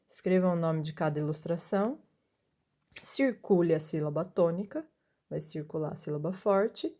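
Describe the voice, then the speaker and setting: A woman teacher speaks in a low, mellow voice. She explains patiently, asks her pupils questions and answers them herself, and keeps checking that they follow. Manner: patient, checks in often with "sim?" and "certo?". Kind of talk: recorded classroom lesson for pupils.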